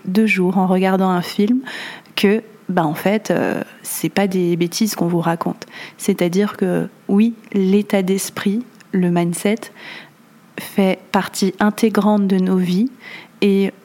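A woman's voice: on the low side, a little mellow. A woman hosting a solo podcast episode, talking casually with many fillers and restarts. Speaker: podcast host.

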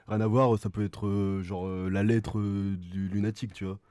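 A man's voice: on the low side, little pitch movement, normal speed, dark tone, clean tone, no echo, studio quality. A young man from France, chatting casually as an interview guest in slangy, hesitant phrases. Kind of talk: casual chat.

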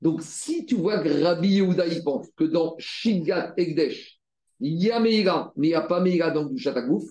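Working through the Talmud text one step at a time, this male teacher leans on repeated phrases and rhetorical questions. His mellow voice sits a little high, with lively intonation and a moderate pace. A clear room echo colors the sound.

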